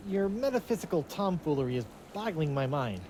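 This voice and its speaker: An actor playing an eager, wisecracking young pirate in an adventure game, wordy and boyish. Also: male voice, on the high side, big pitch swings, fairly quick, very noisy. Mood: eager, quippy. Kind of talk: scripted adventure game dialogue.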